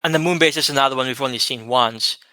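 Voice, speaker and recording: Measured male co-host with a bright, smooth, resonant voice. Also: medium pitch, dry recording. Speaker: podcast co-host. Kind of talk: casual chat.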